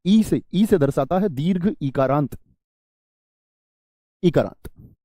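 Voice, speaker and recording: Man, exam-prep grammar teacher, repeats key phrases, slightly high voice, dry close sound. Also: lively intonation, takes it slowly, dark tone, no echo. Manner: questions the class and answers himself.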